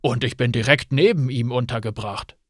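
A man's voice: mid-range voice, normal speed, no echo, natural voice. A male narrator voicing an easygoing male inn guest, close to his own voice, in an audiobook. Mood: calm.

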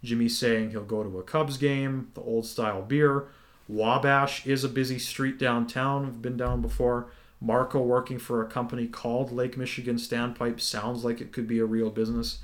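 A man's voice: medium pitch, normal speed. Easygoing man recapping a TV episode. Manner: relaxed, many ums, explains at length. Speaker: podcast co-host. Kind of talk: casual recap discussion.

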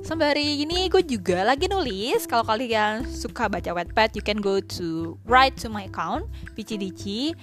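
A woman's voice: a little high, lively intonation, normal speed, a bit bright, faint music behind. A young adult woman hosting a casual chat podcast, blunt and slangy, dropping English phrases into her talk. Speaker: podcast host.

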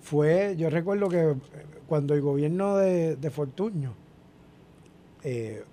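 Mellow man hosting a talk show. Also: on the high side, animated, takes it slowly, slight background noise. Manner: brief agreeing interjections, short questions. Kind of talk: casual chat.

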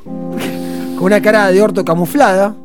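A man in his thirties with an Argentine accent, telling comic stories on live radio in a deadpan, ironic way. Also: high-pitched, a little slow, over music. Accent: Argentine Spanish. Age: 30s. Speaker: comedy segment host. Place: radio studio.

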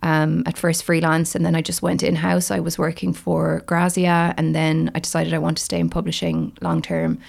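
A woman's voice: deep voice, monotone, moderate pace, vocal fry, hardly any pauses. A middle-aged woman from Galway with a west of Ireland accent, chatting casually and self-deprecatingly as an interview guest. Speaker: podcast guest, beauty writer.

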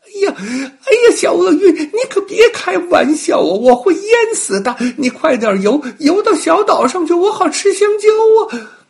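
A man doing a shrill excitable little monkey. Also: measured pace, vocal fry, exaggerated voice. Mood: panicked. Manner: squealing and excitable.

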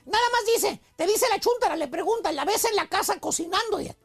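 A man voicing a cheeky male advice "maestro" in a comic radio segment, with a Mexican accent and rapid, mocking slang. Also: very high-pitched, animated, vocal fry, heavily acted. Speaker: radio comedy host.

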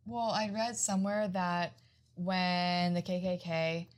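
A woman with a somewhat low voice leads a casual chat, recounting what she has read. She talks in a relaxed, easygoing way and laughs easily. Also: slow. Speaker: podcast co-host presenting the research. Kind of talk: casual conversational storytelling.

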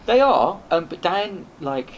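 A man's voice: high-pitched, big pitch swings, takes it slowly. A man, a podcast host appearing as a guest, telling a rambling casual story full of restarts and swearing. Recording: noisy background hiss.

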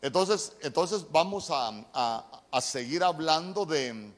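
Earnest Honduran pastor, slightly high voice. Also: male voice, animated, takes it slowly. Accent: Honduran Spanish. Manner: earnest storytelling, stumbles and repeats words. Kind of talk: sermon with personal testimony.

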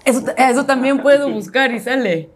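A woman's voice: high-pitched, crowd noise. Giggly woman host who teases. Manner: giggly, teasing, halting speech with restarts. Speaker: podcast host. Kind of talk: casual chat. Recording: noisy background.

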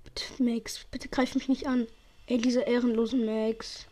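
Excitable high-voiced woman gaming. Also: unhurried. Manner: excitable, swears, uses youth slang; sometimes drops to a whisper. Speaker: gaming channel host. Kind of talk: live gameplay commentary. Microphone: headset or desk mic.

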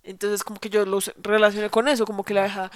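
A woman's voice: medium pitch, fast talker, dry recording. A young woman casually retelling a film in chat, full of slang and acted-out quotes. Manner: animated storyteller acting out quoted lines with slang.

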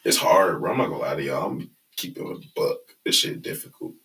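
A man's voice: very deep voice, animated, brisk, sharp tone, far from the mic. A young man with a Detroit accent in casual conversation as a recording artist, talking in cocky, slangy hype with lots of "bro". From Detroit, United States. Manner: cocky, slangy hype talk peppered with "bro" and "you feel me". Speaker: recording artist being interviewed. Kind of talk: casual chat.

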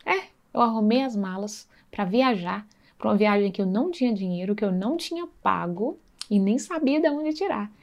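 Woman, mid-pitched, earnest storyteller, relays a faith testimony conversationally and checks in with listeners. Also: lively intonation, normal speed, few pauses, a little mellow, highs cut off. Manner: earnest, conversational, acts out dialogue, frequent tag questions. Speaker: speaker sharing a faith testimony.

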